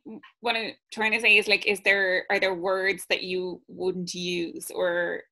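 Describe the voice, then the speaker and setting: Bright, gravelly-edged Irish woman. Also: on the low side, level tone, measured pace. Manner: inquisitive, probing questions. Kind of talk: casual podcast chat.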